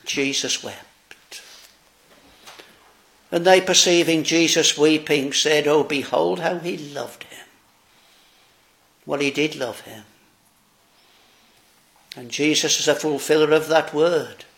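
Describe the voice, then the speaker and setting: Man preaching slow and solemn, kinda gravelly, voice sits a bit high. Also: fairly bright tone. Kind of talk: sermon.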